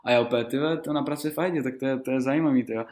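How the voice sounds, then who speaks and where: A man chats casually as a podcast guest. He rambles through his stories, laughs easily and leans on fillers. His pitch sits in the middle of the male range. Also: darkish tone. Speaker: guest rapper. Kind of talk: casual storytelling.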